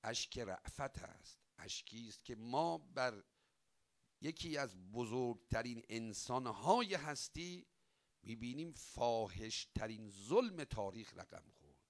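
A man delivering a religious sermon, voice rising loud and sinking soft, drawing out chanted prayers. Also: mid-range voice, expressive. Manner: dramatic rise and fall, swelling loud then dropping soft; chants quoted prayers with drawn-out emphasis. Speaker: cleric.

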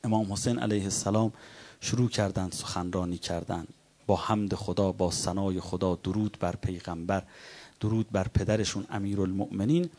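A man preaching a religious sermon as a story. He chants quoted lines and then retells them plainly, and his voice swells louder at the dramatic peaks. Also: deep voice, fairly even intonation.

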